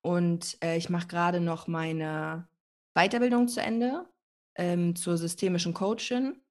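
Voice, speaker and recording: A pregnant woman hosting a podcast, her voice a touch lower than most. She talks in a loose, rambling way, full of fillers and slangy asides. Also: steady tone, unhurried, a little mellow. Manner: chatty, rambling, colloquial with many fillers. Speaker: podcast host. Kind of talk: casual chat.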